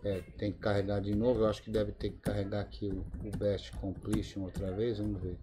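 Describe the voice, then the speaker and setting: A man's voice: lowish voice, flat delivery, fairly quick, noisy background. A man with a Brazilian Portuguese accent teaching a live Linux lab over a video call, thinking aloud with many fillers. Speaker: Linux course instructor. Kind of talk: live screen-share tutorial. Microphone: video call mic.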